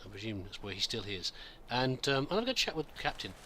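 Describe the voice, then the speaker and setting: This gamer narrating a roleplay playthrough has a lowish voice with big swings in pitch, delivered fast, pushed and bright. Slight background noise sits behind his casual, rambling commentary as he muses aloud hesitantly and politely while playing.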